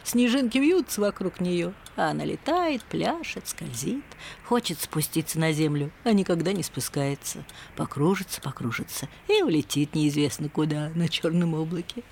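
A woman voicing a kindly old grandmother in a radio play, telling tales calmly and measured. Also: sits low, gravelly, a little hiss or hum. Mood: storytelling. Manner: calm, measured storytelling.

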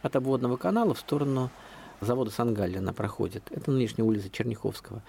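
A man's voice: mid-range voice, rapid-fire, vocal fry, slight background noise. A man speaking as a local historian guest on a radio interview, explaining at length in a chatty, discursive way. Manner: chatty, discursive, lively storytelling.

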